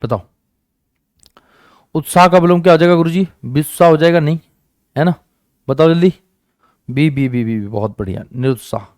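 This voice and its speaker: Male exam-prep teacher, higher voice, coaxing and repetitive, dry close sound. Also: moderate pace, long pauses, a little mellow, no echo. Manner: coaxing, repeats questions and answers, calls students "beta" and "dost". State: sore hand, says it hurts. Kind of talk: online exam-prep class.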